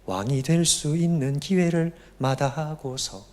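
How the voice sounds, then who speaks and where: A man voicing an anguished male disciple who pleads with his master, slow and imploring. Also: on the high side, animated, darkish tone. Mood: pleading.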